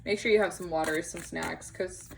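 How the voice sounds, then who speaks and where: A woman's voice: fairly low pitch, steady tone, normal speed, gravelly, slight background noise, rough recording. A young woman giving a casual tarot reading to camera, chatty and empathetic, with many fillers and small laughs. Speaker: tarot reader. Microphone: camera on tripod.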